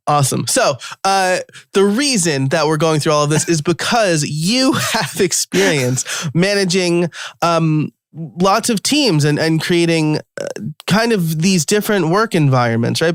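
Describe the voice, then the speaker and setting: Man, podcast host, from New York, casual chat, lots of fillers, smooth tone, dry sound. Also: fairly high pitch, no echo. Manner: chatty, laughs often, many fillers and restarts.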